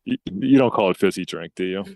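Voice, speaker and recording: A New Jersey-accented man chats as a guest, easygoing and unhurried. He often repeats a word as he starts a thought. His voice sits a little low, and the recording is dry with no room sound. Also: gravelly, darkish tone, no echo. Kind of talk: casual chat.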